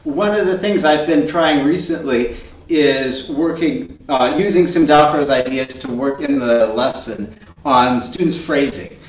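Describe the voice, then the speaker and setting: A man who teaches cello, introducing himself and his topic on a video call in a measured way. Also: medium pitch. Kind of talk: casual presentation in a video call. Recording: roomy, distant mic with faint noise.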